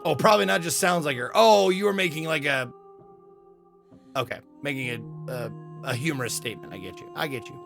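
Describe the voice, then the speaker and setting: A man's voice: fairly high pitch, brisk, gravelly. A man giving informal, jokey let's play commentary as a game streamer. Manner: informal, jokey, reacts and reads dialogue aloud. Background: game music.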